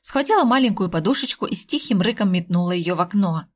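A woman reads a first-person fantasy story aloud. Her delivery is expressive, and she shifts her tone to voice the people in the scene. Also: mid-range voice, fast. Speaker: audiobook narrator. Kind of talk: first-person audiobook narration.

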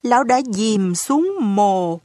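Slow, measured woman narrator. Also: mid-range voice, lively intonation, warm tone, no echo, studio quality. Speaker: audiobook narrator. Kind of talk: scripted novel narration.

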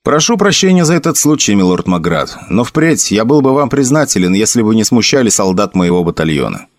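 A man voicing a quiet, stern army officer who speaks curtly and dryly. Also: on the low side, very animated, brisk, no room sound. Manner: dry, curt, commanding.

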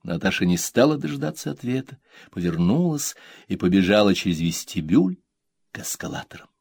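A man's voice: lowish voice, very animated, brisk, vocal fry, darkish tone, husky, no room sound, clean studio sound. Man reading an audiobook. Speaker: audiobook reader. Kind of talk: scripted narration.

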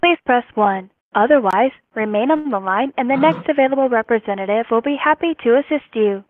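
A woman's voice: on the high side, brisk, no room sound. Woman for a pre-recorded hold message. Courteous and formal, over a tinny phone line. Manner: polite, even, formal. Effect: recorded phone-system message. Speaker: automated call-center greeting. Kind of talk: scripted hold announcement. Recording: thin phone-line audio.

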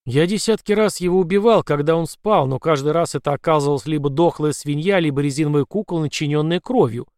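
A man's voice: fairly high pitch, fast talker, few pauses, darkish tone, no echo, clean studio sound, close to an everyday voice. A man doing a grim, weary possessed father.

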